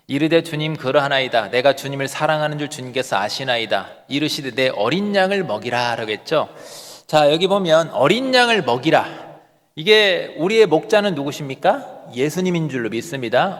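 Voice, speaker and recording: A man's voice: on the high side, a bit bright. A man preaching as a pastor, earnest and full of rhetorical questions to the congregation. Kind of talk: sermon. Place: church sanctuary. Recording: long church hall reverb.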